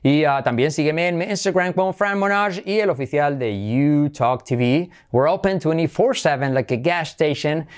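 A middle-aged man from Spain with a Spanish accent, hosting a playful online English lesson and jumping high in pitch for emphasis. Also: normal speed, hardly any pauses, clear, resonant tone. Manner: lively, playful, swings high for emphasis and laughs. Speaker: English teacher, channel host.

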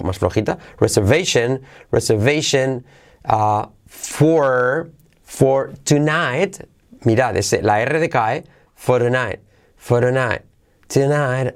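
A man teaching English phrases to Spanish speakers, repeating them slowly and laughing at his own slips. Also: medium pitch, vocal fry. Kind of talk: podcast lesson.

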